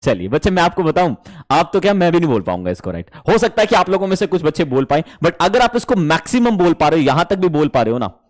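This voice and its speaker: A man teaching an online class, lively and animated, mixing Hindi and English. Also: fairly high pitch, quick pace.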